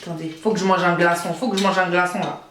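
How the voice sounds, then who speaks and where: A young woman from Côte d'Ivoire, telling a story to her viewers in an animated, emphatic way. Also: on the low side, fast talker, echoey room, a little hiss or hum. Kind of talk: casual storytime monologue.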